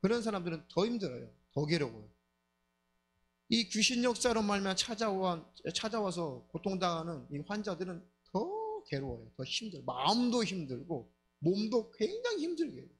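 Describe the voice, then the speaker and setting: High-voiced emphatic male pastor. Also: slight background noise. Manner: emphatic and repetitive, acts out dialogue. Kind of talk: sermon.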